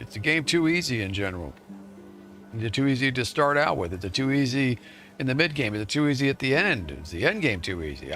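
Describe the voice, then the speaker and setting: Guy streaming a game, reads patch notes then chats, bright forceful voice, jokey and a bit cocky. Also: mid-range voice. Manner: chatty, playfully boastful, talks to viewers. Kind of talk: live gameplay commentary and patch-note reading.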